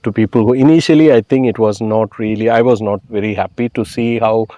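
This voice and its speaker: A man's voice: on the low side, steady tone, a little fast, warm tone, no room sound, muffled recording. A man from Kerala with a Malayali accent, speaking reflectively and explaining his views in a conversational interview. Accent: Malayali Indian. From Kerala, India. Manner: explanatory, often tags phrases with "you know". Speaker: interview guest.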